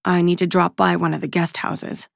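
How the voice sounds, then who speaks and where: A woman's voice: fairly low pitch, little pitch movement, moderate pace, creaky, dry recording, studio quality. A woman voicing a curt, guarded young man. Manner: curt, hissing.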